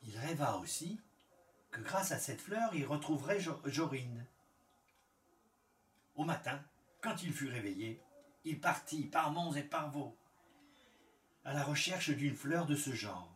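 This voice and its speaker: A male storyteller reading a fairy tale in a calm, measured way with lingering pauses. He speaks slowly. The recording is roomy, and he sits well back from the mic. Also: medium pitch. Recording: echoey room, far from the mic.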